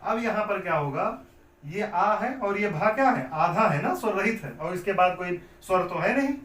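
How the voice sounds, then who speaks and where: A man's voice: sits high, expressive, normal speed, a bit bright. A man teaching Hindi grammar in a classroom lecture. He asks questions and answers them himself, repeating each step. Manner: repetitive, explains step by step. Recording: echoey room, mic at a distance.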